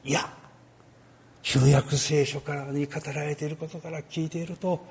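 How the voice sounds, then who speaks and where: A man giving a sermon on a Bible passage, talking in a lively way with many pauses and filler words. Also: on the high side, vocal fry, husky. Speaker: pastor.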